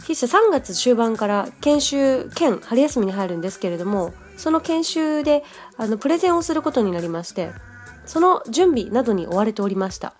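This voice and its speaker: A Japanese woman with a fairly high voice hosts a podcast lesson on English pronunciation. She talks in a chatty, friendly way and slows down to speak careful English. Faint music plays underneath. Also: very animated, a little mellow. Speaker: podcast host and English teacher.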